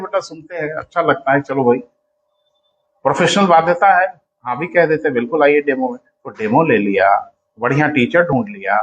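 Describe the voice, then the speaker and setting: A man's voice: a little high, fairly bright tone, muffled recording. A man teaching in a coaching class, lecturing students sternly and calling them "beta" as he explains.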